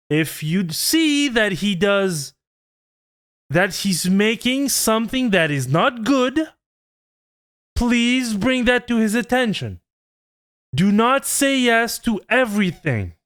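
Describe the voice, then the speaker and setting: A man's voice: extremely high pitch, a bit bright, clean tone. A man in his twenties, a channel host, giving an earnest, pleading vlog rant. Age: 20s.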